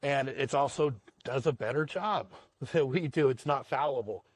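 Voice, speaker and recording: A man's voice: mid-range voice, normal speed, no room sound. A man who owns a roofing company, answering interview questions in a casual, rambling way, often repeating words and chuckling. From Washington state, USA.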